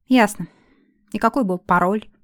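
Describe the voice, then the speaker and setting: A woman voicing the first-person heroine, an ironic, sharp-tongued young potion-maker who answers her friend with dry mockery and firm commands. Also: mid-range voice, moderate pace, no echo, lightly acted.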